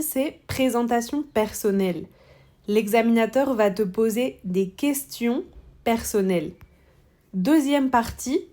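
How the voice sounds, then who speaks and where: A woman teaching a French exam-prep lesson, speaking slowly and deliberately and repeating model answers for students. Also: on the high side, darkish tone.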